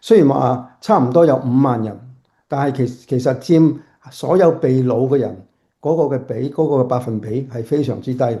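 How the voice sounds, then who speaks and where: Male pastor preaching at home, deep mellow tone, halting delivery with restarts. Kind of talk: sermon.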